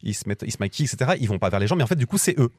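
A young French man guest in a casual interview, talkative and quick, tripping over restarts and fillers. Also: mid-range voice, big pitch swings, breathy edge, no echo, clean studio sound. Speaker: podcast guest.

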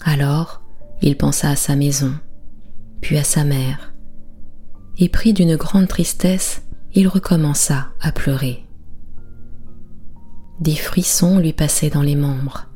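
A woman softly reading a bedtime story aloud in a hushed voice. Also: low voice, breathy edge, soft background music. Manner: soft, hushed and slow.

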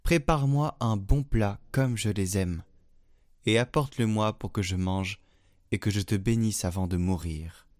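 A man's voice: fairly low pitch, darkish tone, no echo, close to an everyday voice. A man reading as an old blind father. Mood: solemn. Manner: slow, measured reading. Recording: dry, faint music behind.

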